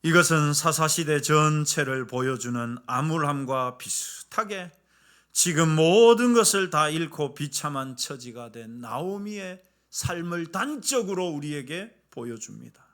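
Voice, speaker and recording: A male pastor preaching a sermon with humorous stories, animated and questioning the congregation. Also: on the high side, unhurried.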